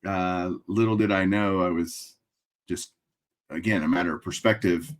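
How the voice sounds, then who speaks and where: This is a casual video-call interview with a collector, a middle-aged man with a Texas drawl and a very low voice, picked up by his webcam. Framed memorabilia lines the walls behind him as he muses out loud at an unhurried, moderate pace, easygoing and dryly funny.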